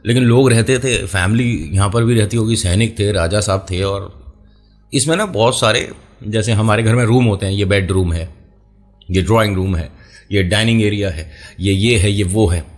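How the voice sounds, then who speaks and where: A man with a lowish voice tells spooky stories in a loose, chatty way. He talks straight to the listener and keeps breaking off into playful asides. Faint music sits behind him. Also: moderate pace. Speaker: storyteller and channel host. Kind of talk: casual horror storytelling podcast.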